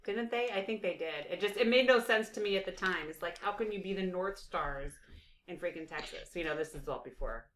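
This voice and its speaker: A woman in casual chat who trails off quietly and restarts hesitantly. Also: lowish voice, fairly quick, a little hiss or hum. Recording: echoey room.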